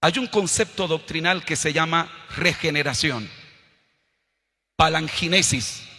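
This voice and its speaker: A Colombian man preaching a sermon, swinging from low, quiet asides up to loud, shouted scripture lines. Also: unhurried, vocal fry. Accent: Colombian Spanish. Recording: long hall reverb.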